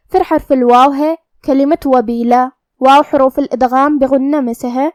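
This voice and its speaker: A woman's voice: high-pitched, darkish tone, no room sound, studio quality. A woman teaching Quran recitation rules, explaining each rule step by step. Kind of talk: tajweed lesson with slow recitation.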